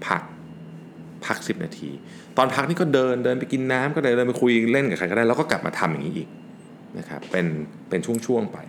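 A man hosting a solo business talk, relaxed and explanatory, dropping English work terms into his speech. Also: medium pitch, fairly quick, slight background noise. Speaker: podcast host and business owner.

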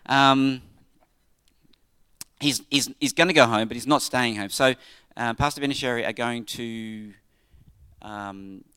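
An Australian man giving an informal church tribute in a halting, conversational way, often checking in with his listeners. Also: mid-range voice, sharp tone, clear, resonant tone.

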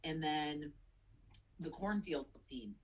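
A woman's voice: low voice, lively intonation, slow, husky, rough recording. A woman co-hosting a podcast in casual movie chat, emotional and enthusiastic, swearing casually. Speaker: podcast co-host.

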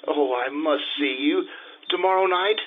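A man's voice: on the high side, measured pace, slight background noise, close to an everyday voice. Man playing Casanova, vain romantic, tinny sound. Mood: ardent. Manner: theatrical, self-important. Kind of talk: old-time radio drama acting and narration. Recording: tinny radio-play recording, music behind.

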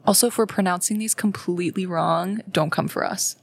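A young woman with a Canadian accent, co-hosting a podcast as a medical student, lively, encouraging and giggly. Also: on the low side, a little fast, gravelly, slightly rough. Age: young adult. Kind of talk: casual podcast chat.

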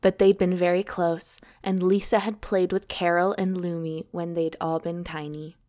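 A woman's voice: on the low side, level tone, normal speed, dark tone. A woman co-host reading a novel aloud, with casual commentary along the way.

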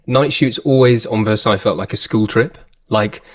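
Low-ish voiced podcast guy, chatty n lively. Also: normal speed, crowd noise. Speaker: podcast co-host. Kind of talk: casual chat.

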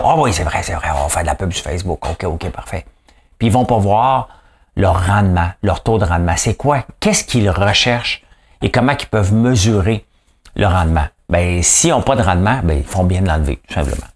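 Low-voiced quebec guy doing news commentary, folksy, lots of "hein?" questions. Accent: Québécois French. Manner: rhetorical questions, folksy and emphatic; acts out quoted voices mid-rant. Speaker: podcast host.

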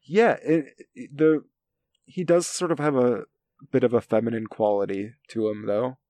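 A man co-hosting a casual film discussion from his home, speaking in hesitant, halting phrases with a creaky voice. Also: medium pitch, fairly even intonation, mellow, no echo. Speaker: podcast co-host. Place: home basement. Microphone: recorded at his end of an internet call.

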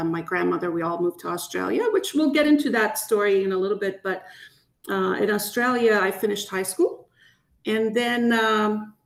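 A woman in her fifties from Iran, a retired doctor, speaking as an interview guest over a video call in a measured way, with pauses and fillers. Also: medium pitch, creaky, roomy sound. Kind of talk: interview conversation.

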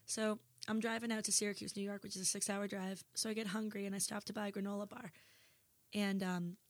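A woman's voice: mid-range voice, little pitch movement, a little fast, dry recording. Woman guest, casual story, level intonation, close dry mic. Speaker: singer, podcast guest.

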